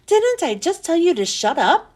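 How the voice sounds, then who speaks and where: A woman's voice: very high voice, very animated, normal speed, darkish tone, voice pushed up. A woman reading a children's book aloud, voicing a snappish, unhinged female schoolteacher with a barking, scolding delivery. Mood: snapping angrily. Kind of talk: storybook read-aloud.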